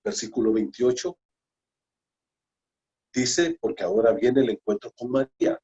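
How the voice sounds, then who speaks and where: Honduran pastor preaching, hushed to emphatic. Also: male voice, mid-range voice, animated, a little slow, muffled recording. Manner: preacherly, swings between hushed and emphatic, addresses listeners as brother. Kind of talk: bible study sermon.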